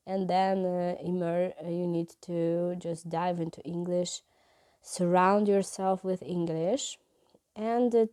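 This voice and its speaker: Hesitant, mellow-voiced woman from Ukraine. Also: lowish voice. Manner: hesitant, many fillers and restarts. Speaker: English teacher and vlogger. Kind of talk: casual vlog talk.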